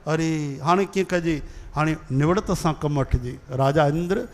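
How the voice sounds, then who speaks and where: A man's voice: fairly high pitch, a little slow, in a large hall. A man with a Sindhi accent giving a devotional sermon, telling stories and leading call-and-response chants. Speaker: kathavachak, religious storyteller.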